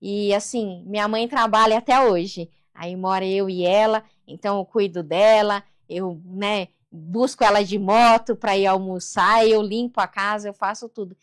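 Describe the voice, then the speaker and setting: A woman's voice: medium pitch, steady tone, normal speed, hardly any pauses. A woman with a Brazilian Portuguese accent, a therapist and coach telling her life story as an interview guest, earnest and faith-driven, often adding "né". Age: adult daughter of a seventy-year-old mother. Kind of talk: emotional personal storytelling.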